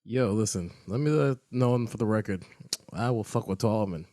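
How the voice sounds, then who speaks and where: A man's voice: fairly low pitch, normal speed, mellow, dry recording, studio quality. A man co-hosting a podcast in casual chat, speaking bluntly and emphatically. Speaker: podcast co-host.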